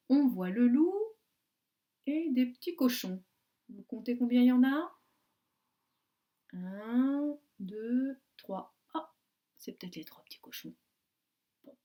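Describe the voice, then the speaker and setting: Woman, kindergarten teacher on video; slightly high, lively and sing-song, spelling slowly for small kids. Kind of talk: remote class video lesson for young children.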